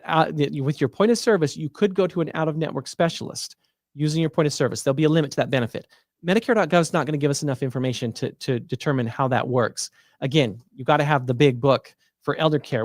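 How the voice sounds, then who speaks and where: A man's voice: fairly high pitch, dry recording, clean studio sound. A man hosting a livestream, casually walking viewers through insurance plans while thinking aloud with fillers and restarts. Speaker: Medicare plan advisor hosting a livestream.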